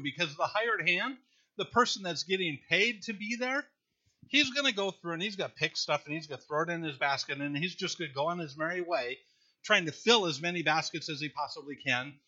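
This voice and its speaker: A man's voice: a little high, bright, forceful tone, muffled recording. A man preaching a conversational sermon, reading scripture aloud and joking with his congregation. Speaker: pastor.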